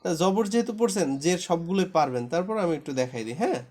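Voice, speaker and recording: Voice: medium pitch, lively intonation, fast talker, darkish tone. A Quran reading teacher in a live class, patiently repeating each syllable for a student to echo back. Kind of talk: live online class, drilling letter sounds.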